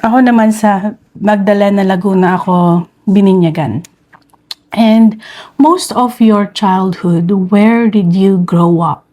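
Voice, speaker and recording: A woman with a Filipino accent co-hosts a casual vlog, her voice warm and mellow. She leads the chat with curious questions and moves easily between English and Tagalog. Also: medium pitch, measured pace. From Philippines. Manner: inquisitive, switches into Tagalog. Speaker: vlog co-host. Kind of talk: casual chat, interviewing partner.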